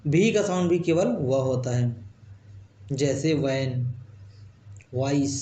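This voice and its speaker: A male English teacher, patiently explaining letter sounds and repeating example words slowly. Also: sits high, a little mellow, roomy sound. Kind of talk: alphabet pronunciation lesson.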